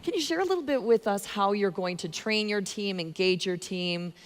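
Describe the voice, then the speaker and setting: A woman's voice: medium pitch, lively intonation, normal speed. A woman moderating a panel, calling on guests and asking them questions.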